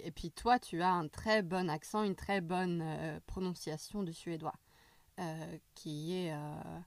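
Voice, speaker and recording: Slow, hesitant woman in a dry room. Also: on the low side, no room sound. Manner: hesitant, frequent euh and restarts. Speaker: language learning chat partner. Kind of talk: casual conversation with many fillers.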